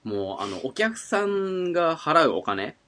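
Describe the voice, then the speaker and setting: A man's voice: on the high side, sing-song, unhurried, sharp tone. A man co-hosting a comedy podcast in casual chat, laid-back and giggly as he teases his partner.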